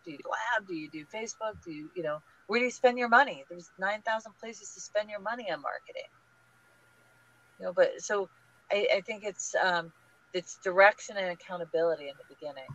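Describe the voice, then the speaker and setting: A woman guest on a podcast interview, talking in an energetic, emphatic, advice-giving way. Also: mid-range voice. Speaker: guest, small business group leader. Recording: dull lo-fi audio.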